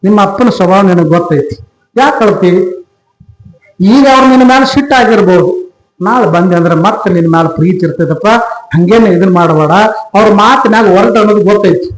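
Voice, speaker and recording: A man's voice: sits high, brisk, natural voice. A man voicing a kind, motherly older woman who consoles and reassures. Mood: consoling. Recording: echoey room.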